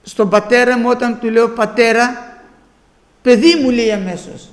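A man's voice: extremely high pitch, fairly even intonation, roomy sound, big-room sound. A man preaching a sermon with fervour, his voice rising into exclamations as he speaks.

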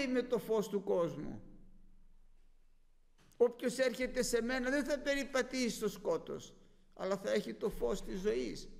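Male preacher, sermon delivery, high-pitched with a gravelly edge, slow and sincere. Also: in a large hall. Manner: preaching with rising cries on quoted prayers.

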